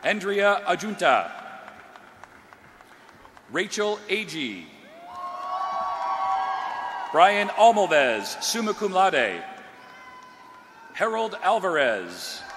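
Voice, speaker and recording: A man reading out graduates' names one by one at a commencement ceremony, slow and drawn out, through a podium microphone. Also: sits high. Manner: slow, drawn-out announcing of each name. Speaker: commencement name reader. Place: large graduation ceremony hall. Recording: long hall reverb, crowd noise.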